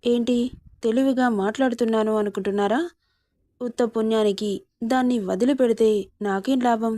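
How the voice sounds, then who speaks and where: A woman reads the part of a scheming stepmother who speaks sharply and makes threats. The tone is mellow and slightly high, with a dry, close sound. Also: steady tone, normal speed, no room sound, natural voice. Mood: threatening.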